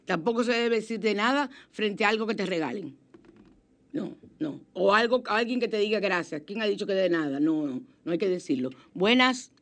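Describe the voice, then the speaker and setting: A woman hosts a spiritual self-help radio program from the studio. Her voice sits at an ordinary middle pitch, and she talks in an animated, chatty way, breaking into sudden exclamations as she gives advice. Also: moderate pace. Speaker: radio host.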